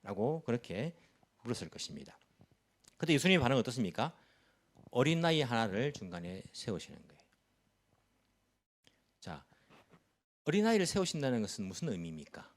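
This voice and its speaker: Male pastor, mid-pitched, very animated intonation, sermon delivery built on rhetorical questions. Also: fairly quick, pauses often. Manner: pitch rises and drops sharply for emphasis. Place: church service.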